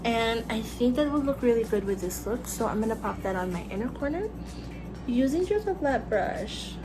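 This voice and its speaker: A young makeup vlogger with a Filipino accent talks cheerfully through a tutorial as she applies makeup in her small bedroom with fairy lights. She sounds high-pitched and animated at a moderate pace, with music behind her and poor audio quality.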